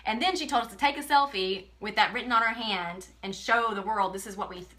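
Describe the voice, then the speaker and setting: A woman speaks straight to her followers in a live phone video, earnest and emotional, often near tears. Her voice is bright and forceful, in a middle range for a woman. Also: mid-range voice, brisk. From Texas. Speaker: direct sales presenter. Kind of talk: tearful motivational live video.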